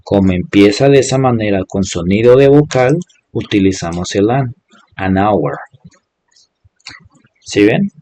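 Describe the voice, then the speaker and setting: Slow, low-voiced teacher. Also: male voice, lively intonation, dark tone, dry recording. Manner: patient, explains step by step and repeats examples. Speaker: English teacher. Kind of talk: online class instruction.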